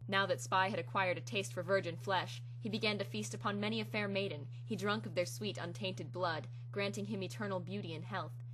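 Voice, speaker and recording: A woman's voice: on the low side, rough recording. A woman giving a theatrical, hammy dramatic reading of fan fiction as its narrator. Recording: clear hum and background noise.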